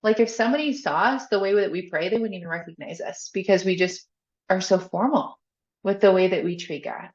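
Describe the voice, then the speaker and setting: A woman's voice: mid-range voice, fairly quick, a little mellow. Chatty woman in an echoey room. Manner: chatty, candid, laughs often, leans on "like". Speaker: podcast guest, faith coach. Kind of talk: casual conversational interview. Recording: echoey, slightly dull podcast audio.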